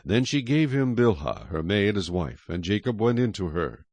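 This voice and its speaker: Scripture becomes dramatic storytelling in the hands of this male narrator, whose fairly low voice rises and falls expressively. The pace is moderate and the sound is close-miked and dry.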